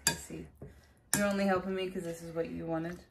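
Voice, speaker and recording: A woman's voice: lowish voice, little pitch movement, moderate pace, gravelly. Chatty woman teaching in a noisy kitchen. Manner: chatty and instructive, guiding a helper step by step. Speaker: home cooking host. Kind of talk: casual cooking tutorial. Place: home kitchen. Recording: kitchen clatter of dishes and utensils. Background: clinking dishes and cutlery.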